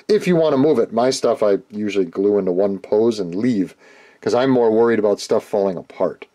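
A man with a middle-pitched, everyday voice walks through a model-kit build in a relaxed, chatty way. He slips in deadpan, playful jokes as he goes, like a hobby host talking to his regular viewers from his workshop.

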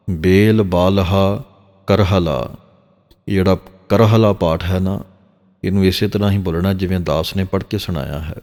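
A man with a very deep, low voice teaches the correct pronunciation of scripture. He recites each verse slowly and deliberately, then explains it. His voice rings with a long reverb tail. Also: darkish tone.

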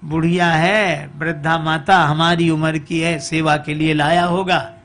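A man's voice: on the high side, little pitch movement, measured pace, a bit bright. A man voicing a bossy old village mother-in-law who scolds and fusses. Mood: scolding. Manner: scolding, fussy.

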